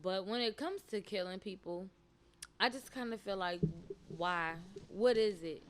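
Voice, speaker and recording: A woman's voice: medium pitch, measured pace, a little hiss or hum. A woman co-hosting a podcast, talking in a blunt, profane, outspoken way in casual chat. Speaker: podcast co-host.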